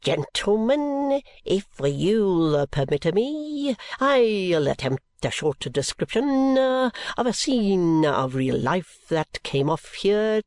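A pompous pub comic singer, as a male narrator puts him on, drawing out every word with showy grandeur. His voice is pitched above the narrator's own and recorded close and dry. It is a storybook turn, theatrical and self-important. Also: big pitch swings, darkish tone, no room sound, full character voice. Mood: grandiose. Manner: slow, grandiose announcing.

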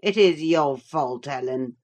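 A woman's voice: low-pitched, takes it slowly, a little mellow. A woman reading a snarling, drunken young father. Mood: blaming. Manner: snarling, reckless threats. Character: drunken cruel young father, menacing man. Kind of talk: audiobook character reading.

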